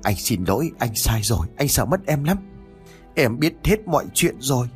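A frightened young husband, voiced by the male narrator, begs with urgent, hurried words. The voice sits low but moves lively, with soft music faintly under the reading. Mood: tearful. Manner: pleading, urgent. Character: anxious young husband, pleading, ashamed.

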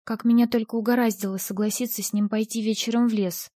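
A woman's voice: a little high, fairly even intonation, fast, dark tone, no echo, studio quality. A woman narrating a first-person audiobook story in a tense, dramatic way.

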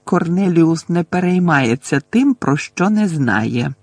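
A man reading an audiobook voices a cruel, sugary middle-aged woman professor who speaks slowly with gloating, breathy menace. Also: medium pitch, sing-song, no echo, full character voice.

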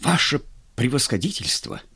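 A man's voice: mid-range voice, sing-song, moderate pace, pushed and bright, husky, exaggerated voice. A man voicing a cowardly young lieutenant who pleads and stammers. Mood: panicked.

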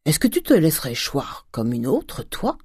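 A stingy old cooper with blunt, folksy jokes, put on by an audiobook reader. His voice sits on a dark, mellow tone and often jumps up high when he calls out. It is read in a dry, close room. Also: wildly swooping pitch, normal speed, breathy edge, no echo, exaggerated voice. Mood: gruff banter. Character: miserly old man, former cooper, jovial.

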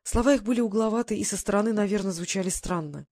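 Calm audiobook narrator. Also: medium pitch, fast talker. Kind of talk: scripted narration.

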